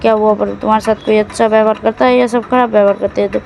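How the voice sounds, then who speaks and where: A woman's voice: medium pitch, level tone, quick pace, creaky, a little mellow, slight background noise, rough recording. A woman casually recapping a drama's plot in a loose, rambling way, often correcting herself mid-sentence.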